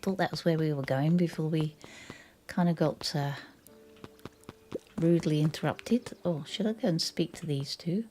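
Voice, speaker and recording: A woman's voice: deep voice, moderate pace, long pauses, mellow, soft background music. An older woman giving casual, chatty commentary while playing a video game. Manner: chatty, giggly, talks to herself. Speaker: let's play host.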